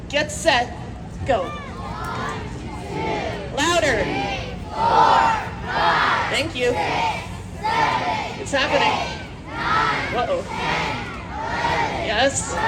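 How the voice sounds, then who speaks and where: A woman's voice: sits high, very slow, pauses often, heavy background noise. A woman doing comedic street show patter like a playful kids' party magician, with joking asides, countdowns and prompts to the audience. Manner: joking, self-mocking asides. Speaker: street performer, hula hoop juggler. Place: outdoors at a street festival. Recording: outdoor street, loud music and crowd.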